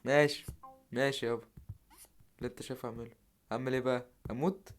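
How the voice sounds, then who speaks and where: A young man with an Egyptian Arabic accent, casually commenting while playing a game, muttering to himself with sudden loud outbursts. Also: mid-range voice, fairly even intonation, fast talker, soft background music. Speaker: gamer streamer.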